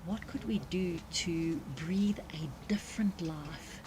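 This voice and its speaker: A woman's voice: lowish voice, takes it slowly, background noise. A woman with a South African accent giving live, unscripted sports commentary. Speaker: commentator and club marketing organiser.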